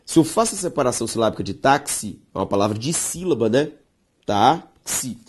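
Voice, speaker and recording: Animated Brazilian woman teaching grammar. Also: a bass voice, a little hiss or hum. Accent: Brazilian Portuguese. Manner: emphatic, drawn-out stressed words, addresses viewers directly. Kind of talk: online grammar lesson.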